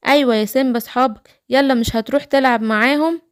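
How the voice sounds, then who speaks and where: A woman's voice: sits high, fairly even intonation, clear, resonant tone, close to an everyday voice. A woman with an Egyptian accent voicing caring, scolding animal mothers in a children's cartoon story. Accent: Egyptian Arabic. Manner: brisk motherly calling and scolding.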